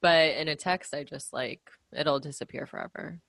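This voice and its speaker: Young female podcast co-host, low voice, relaxed, dry close recording. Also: moderate pace, vocal fry, dry recording. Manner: easygoing, laughs along, hesitant restarts. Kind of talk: casual chat.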